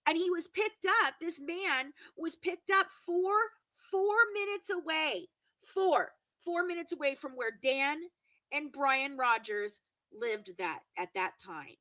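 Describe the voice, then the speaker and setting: Female interview guest, emphatic and self-correcting, bright tone, dry mic. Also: high voice, dry recording, poor audio. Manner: emphatic, repeats words for stress, rapid self-corrections. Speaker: guest true-crime commentator. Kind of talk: video-call interview.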